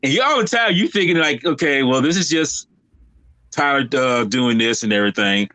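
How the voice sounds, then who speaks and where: A man's voice: medium pitch, lively intonation, normal speed, bright, forceful tone, no room sound, poor audio. A man casually discussing a film on a livestream, rambling with many fillers and restarts. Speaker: podcast co-host.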